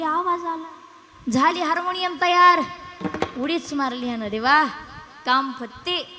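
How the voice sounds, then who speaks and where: A young woman from Maharashtra with a rural Marathwada accent, telling a comic devotional story as a kirtan preacher and acting out village characters in quick dialogue. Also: sits high, fairly bright tone. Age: young adult. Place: live kirtan gathering. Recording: long hall reverb from a live stage.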